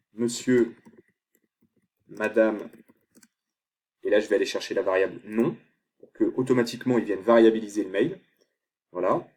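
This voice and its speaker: A man explaining a software tutorial step by step, thinking aloud as he clicks through screens. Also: fairly low pitch. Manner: thinks aloud while clicking, many fillers. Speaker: online tutor.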